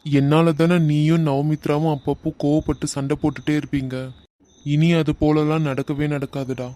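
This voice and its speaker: A man voicing an earnest young man in an animated love drama, with a Kanyakumari Tamil accent and a subdued manner. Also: fairly high pitch, moderate pace, close to an everyday voice. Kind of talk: animated web series voice acting.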